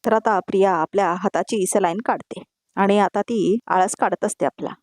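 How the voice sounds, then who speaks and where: A woman narrating a voice-over episode recap in a brisk storytelling manner, addressing her audience, on a close mic. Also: mid-range voice, steady tone, darkish tone, dry recording.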